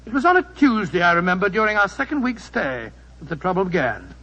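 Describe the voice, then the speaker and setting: A genial, avuncular English doctor reminiscing for a radio play. His voice sits high and bright for a man, with a hearty, rambling delivery. The sound is a muffled 1940s broadcast. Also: big pitch swings, fast talker, exaggerated voice. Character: genial, chatty older English doctor recalling past adventures.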